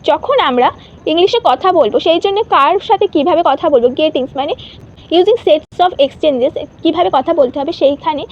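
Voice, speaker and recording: A woman teacher giving an exam-prep lesson, reading each English point out slowly before she explains it. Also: sits high, muffled recording.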